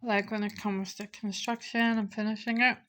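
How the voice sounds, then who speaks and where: A woman's voice: medium pitch, level tone, moderate pace, fairly bright tone. A young woman vlogging casually from home, talking candidly and venting about her frustrations while snacking. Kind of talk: casual vlog chat. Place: indoors at home.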